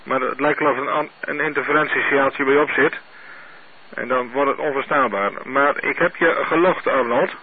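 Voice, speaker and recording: A man running an amateur radio net, heard over a two-way radio link, speaking in a steady, methodical way and spelling out call signs. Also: medium pitch, normal speed. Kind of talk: radio net check-ins. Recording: narrow tinny radio with faint hiss.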